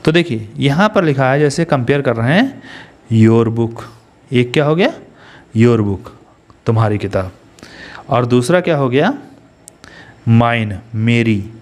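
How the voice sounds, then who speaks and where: A man's voice: mid-range voice, expressive, a little slow, long pauses. A man with an Indian accent teaching an English grammar lesson, explaining step by step and asking his students questions as he goes.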